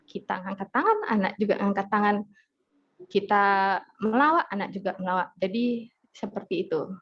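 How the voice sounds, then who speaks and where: A woman's voice: mid-range voice, lively intonation, normal speed. A woman, a hypnotherapist telling family stories in a parenting talk, acting out dialogue. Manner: chatty, storytelling, acts out family dialogue. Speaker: hypnotherapist speaker. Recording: dull lo-fi audio with faint noise.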